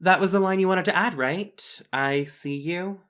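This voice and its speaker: An actress playing a cool, suspicious superhero who is dry and passive-aggressive. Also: female voice, fairly low pitch, normal speed, fairly bright tone, close to an everyday voice. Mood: sarcastic. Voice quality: dry, sarcastic. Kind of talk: audio drama acting.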